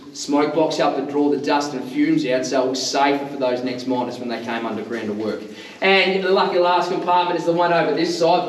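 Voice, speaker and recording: An Australian man works as a tour guide, using a loud teacher voice that is pitched a little high. His patter is informal and jokey, and it rings around an echoey underground space, picked up slightly away from the mic. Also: distant mic, slight background noise. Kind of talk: guided tour talk to a group. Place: underground mine tunnel.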